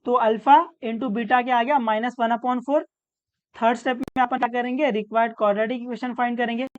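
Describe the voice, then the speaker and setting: A woman tutor walks through a maths problem step by step, with terms. Her voice sits a little high, and she answers her own questions patiently. The recording sounds dull and lo-fi. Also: steady tone, brisk, a little hiss or hum.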